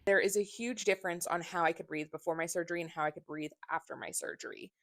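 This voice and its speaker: A woman's voice: fairly low pitch, steady tone, fast talker, dry recording, clean studio sound. A young adult woman talking candidly and bluntly in a casual personal vlog, swearing freely. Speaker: vlogger.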